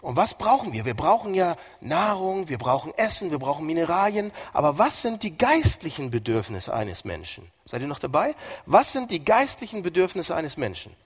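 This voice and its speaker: A man preaching a sermon, animated and sarcastic, asking his listeners questions as he goes. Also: fairly high pitch, moderate pace, slightly rough.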